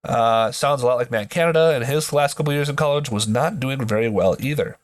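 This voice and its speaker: A man's voice: mid-range voice, a little fast, dry recording. A man hosting a sports podcast in casual commentary, his voice nasal from a blocked nose, as if pinching it, with joking asides.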